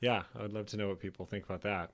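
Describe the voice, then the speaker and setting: A man's voice: lowish voice, fairly even intonation, rapid-fire. A man co-hosting a podcast, joking around and laughing easily in casual chat. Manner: playful, joking, laughs often. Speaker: podcast co-host.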